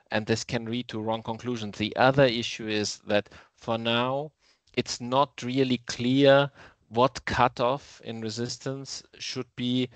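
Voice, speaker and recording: Low-voiced man explaining, dry sound. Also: fairly bright tone, no echo. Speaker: expert panelist. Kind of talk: explanatory comment in an online meeting. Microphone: video call.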